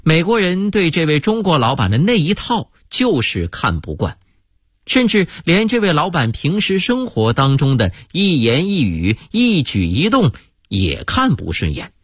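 A man narrating a radio story in a lively, expressive way, with exclamations. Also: a little high, measured pace, slightly rough, no room sound. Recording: dry close-miked radio studio.

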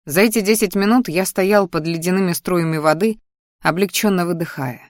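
A woman reading a novel aloud as an audiobook narrator, in steady first-person narration. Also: lowish voice, normal speed, no room sound, studio quality.

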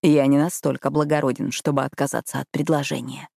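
A woman's voice: very deep voice, level tone, fairly quick, vocal fry, dry recording, exaggerated voice. A woman voicing a brooding, dangerous ex-convict man who speaks dryly and darkly. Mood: growling. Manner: dry, dark, growling delivery.

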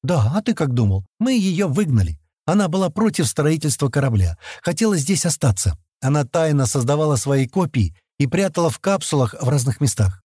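A man's voice: on the high side, sing-song, brisk, hardly any pauses, dark tone, husky, no echo, clean studio sound, voice pushed up. A man voicing a clever, decisive female alien colonist leader who speaks firmly and commands. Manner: firm, commanding.

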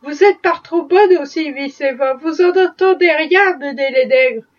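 A woman's voice: high voice, measured pace. A woman reading aloud, voicing an indignant, outspoken young housemaid. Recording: dull distant recording.

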